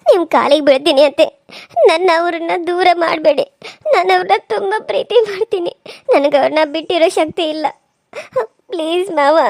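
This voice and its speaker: Lady doing a high squeaky young wife, begging and teary, talks quick, dry mic. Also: vocal fry, a little mellow, no echo. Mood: pleading. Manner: pleading, tearful. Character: meek, loving young wife from a poor family. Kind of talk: cartoon serial voice acting.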